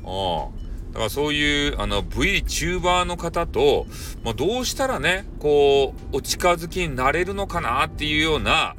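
Male solo host, Kyushu accent, playful rambling talk, bright forceful tone, distant mic. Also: a little high, very animated, measured pace, a little hiss or hum. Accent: Kyushu Japanese. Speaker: solo host of a casual audio show. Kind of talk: casual rambling monologue.

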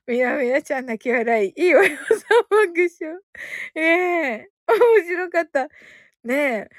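A high-voiced woman chats casually to her live-stream listeners, bubbly and quick to laugh as she reads their comments aloud. The sound is dry and close, with no room around her. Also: animated, dry recording. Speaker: host of a live audio broadcast.

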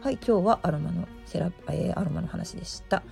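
大阪なまりのガラガラ声の女性. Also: female voice, lowish voice, a little fast, mellow, faint music behind. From Osaka, Japan. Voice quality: gravelly, hoarse morning voice. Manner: chatty, self-deprecating. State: just-woken morning hoarseness. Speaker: host, aromatherapy shop presenter. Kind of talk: casual solo talk show.

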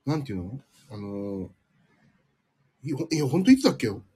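A man's voice: medium pitch, sing-song, fairly quick, warm tone, slightly rough. A man hosting a casual live stream from home, chatting with listeners in a sleepy, rambling, self-deprecating way, slightly nasal from a cold. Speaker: livestream host.

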